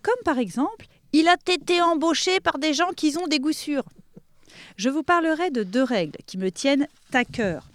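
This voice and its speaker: A woman's voice: high voice, expressive, moderate pace, no echo. A young woman giving a comic pronunciation lesson in a playful, teasing way, often laughing. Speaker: comic language teacher.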